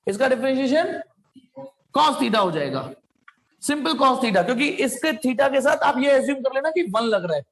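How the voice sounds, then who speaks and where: High-voiced male physics teacher. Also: very animated, moderate pace, fairly bright tone, rough recording. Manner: calls students "beta", quizzes them, adds playful sound effects. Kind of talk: live online class.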